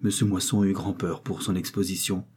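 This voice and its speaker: A man narrating a classic novel as an audiobook in a measured, even way. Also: sits low, breathy edge.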